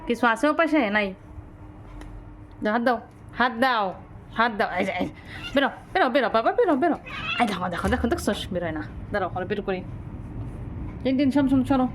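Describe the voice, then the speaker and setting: A woman filming her pets at home at night, coaxing and scolding them in a lively, affectionate way. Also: fairly high pitch, quick pace, pauses often, slight background noise. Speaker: pet vlogger. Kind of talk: casual vlog narration.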